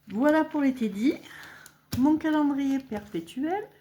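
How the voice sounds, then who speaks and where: A middle-aged woman chatting casually as she fills budget envelopes, counting money aloud and thinking out loud with little hesitations. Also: sits high, animated, a little slow. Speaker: budgeting vlogger. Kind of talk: casual talk while filling cash envelopes.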